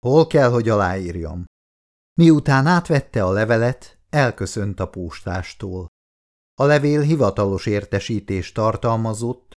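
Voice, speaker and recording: A man reading an audiobook aloud with an expressive, animated delivery. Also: on the low side. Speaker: audiobook narrator.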